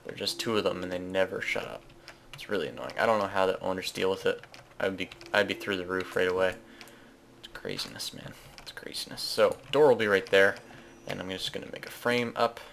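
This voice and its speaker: Gaming host, male, lowish gravelly voice, loose self-correcting chatter over gameplay, faint keyboard clatter behind. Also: steady tone, a little fast, fairly bright tone, slight background noise. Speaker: Let's Play host. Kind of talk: casual gameplay commentary.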